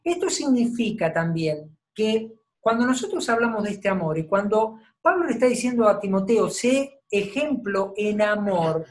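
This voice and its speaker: A woman giving a teaching sermon, explaining calmly and checking in with her listeners. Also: fairly high pitch, moderate pace, hardly any pauses. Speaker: Bible teacher.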